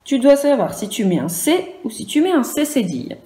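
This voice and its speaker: A woman's voice: high-pitched, big pitch swings, a little fast, mellow, reverberant. A woman with a French accent teaching young children in a virtual class, patiently spelling out sounds and syllables. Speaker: primary school teacher.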